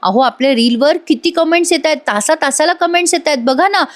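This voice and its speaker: Woman quoting an excited chatty wife, high voice. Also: a little fast, close to an everyday voice. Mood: eager. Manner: eager, chattering. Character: eager chatty young wife.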